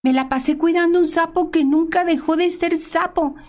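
A woman's voice: extremely high pitch, fairly even intonation, moderate pace, darkish tone, pitched above the performer's own voice. A woman voicing a worn-out old woman from the future in a told fairy tale, speaking in a pleading, weary way.

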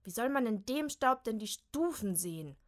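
A woman's voice: on the high side, animated, moderate pace, voice pushed up, natural voice. A woman reading a storybook and voicing Molly, a cheerful, fussy grown woman who stays breezy and unbothered. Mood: whiny.

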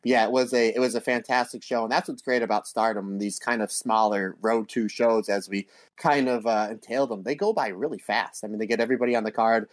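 A man's voice: fairly low pitch, fairly quick, no room sound. Folksy man chatting on a podcast, dry sound. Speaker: podcast co-host. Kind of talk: casual chat, anecdotes.

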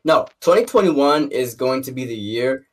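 A man's voice: medium pitch, lively intonation, moderate pace. Young man, distant from the mic. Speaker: podcast co-host. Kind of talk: casual chat.

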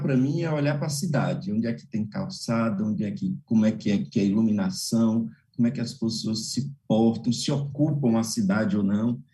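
Mellow-voiced Brazilian man hosting a talk show. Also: mid-range voice. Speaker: host.

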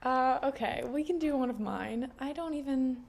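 A woman in her twenties co-hosting a podcast, chatting casually with a wry manner and chiming in quickly. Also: high voice, gravelly, a little mellow. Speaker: podcast co-host. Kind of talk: casual chat.

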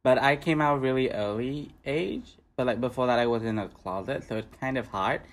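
A man's voice: medium pitch, fairly quick. A young man from Vietnam who performs drag, speaking as a guest in casual chat, joking and loose with lots of fillers.

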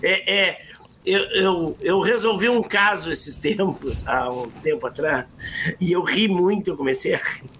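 A man, co-hosting a casual chat and telling stories with lively acted quotes and frequent restarts. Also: high voice, unhurried, slight background noise. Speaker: podcast co-host.

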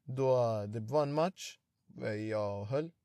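A young man, telling an animated story in casual slangy chat and acting out the quotes. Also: medium pitch, no echo.

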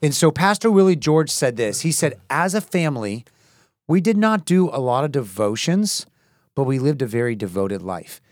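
A man's voice: mid-range voice, sing-song, moderate pace, dry recording. Earnest man in his forties, dry sound. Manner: earnest, warm encouragement with many "yeah"s. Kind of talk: faith-based casual chat.

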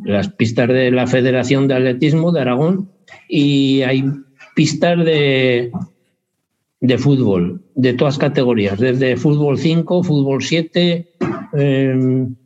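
A man's voice: mid-range voice, darkish tone. A man chatting in an interview, rambling and hesitant, often correcting himself. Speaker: interviewee, basketball parent. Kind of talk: casual interview chat. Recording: dull lo-fi sound.

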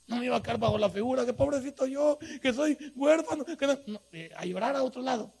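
Gravelly, husky Salvadoran preacher. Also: male voice, very high-pitched, fast talker. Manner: colloquial, animated preaching with sudden loud bursts. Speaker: pastor. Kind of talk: sermon.

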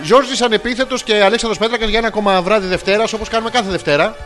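A man's voice: high-pitched, steady tone, fairly bright tone, soft background music. A man co-hosting a casual comedy podcast, boasting and joking in loose banter, sometimes slipping into English. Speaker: co-host.

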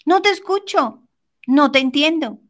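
A woman's voice: high voice, lively intonation, measured pace, a bit bright. A woman voicing an absent-minded prince who cannot hear well, in a told story. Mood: confused. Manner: confused. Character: absent-minded young prince, hard of hearing.

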